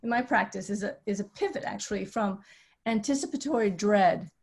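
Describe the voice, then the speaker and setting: A woman's voice: mid-range voice, brisk. A middle-aged woman who grew up in Vietnam, speaking as a psychiatrist in a webinar, talking conversationally over a video call and explaining with everyday analogies. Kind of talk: webinar talk.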